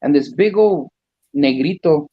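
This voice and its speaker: A custom truck builder, a talk show guest, speaks a little slowly in a husky voice on the high side as he casually rambles through a long story. He acts out the people involved and slips in some Spanish words. The recording is dry and lo-fi.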